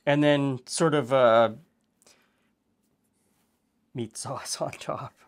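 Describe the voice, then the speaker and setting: With drawn-out words and a mid-range voice, a middle-aged man chats his way through the steps of a laid-back home cooking show. His manner is relaxed and talkative, dotted with easy fillers as he thinks aloud.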